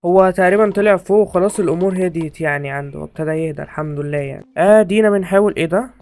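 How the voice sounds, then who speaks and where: A young man with an Egyptian Arabic accent giving jokey, excitable horror game commentary to his viewers from a home setup. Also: high-pitched, rapid-fire. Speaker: gaming YouTuber.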